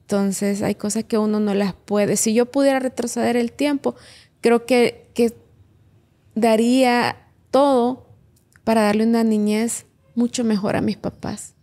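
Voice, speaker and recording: A woman's voice: on the high side, steady tone, unhurried, warm tone. A woman, a podcast guest and businesswoman, earnestly telling her own story and giving advice. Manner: earnest, reflective, gives advice to listeners. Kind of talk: heartfelt personal testimony.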